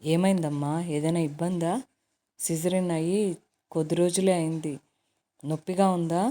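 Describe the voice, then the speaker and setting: A woman's voice: on the low side, fairly even intonation, moderate pace, dark tone, close to an everyday voice. A woman voicing a fond, teasing mother. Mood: fussing. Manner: affectionate, teasing.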